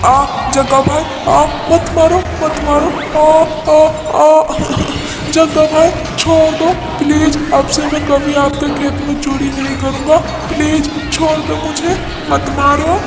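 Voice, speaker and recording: A man's voice: high-pitched, measured pace, music in the background. A man voicing a sly, jealous male crow in a cartoon story, with a whiny, scheming way of talking. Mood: pleading. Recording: echoey roomy recording.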